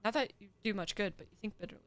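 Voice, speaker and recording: A woman's voice: medium pitch, racing, a bit bright. A young woman streamer reading game narration aloud with dramatic flair and chatting to her viewers in between. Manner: dramatic second-person narration with chatty asides to chat. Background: faint music.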